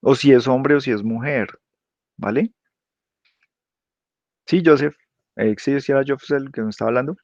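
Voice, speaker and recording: A man teaching a class, explaining patiently and constantly checking understanding with quick tag questions. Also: mid-range voice, a little mellow, no room sound. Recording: dull lo-fi dry sound.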